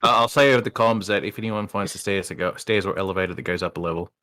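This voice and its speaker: A man's voice: low voice, fast talker, sharp tone, no room sound. A man chatting casually as a player in a tabletop role-playing game, saying what his character does.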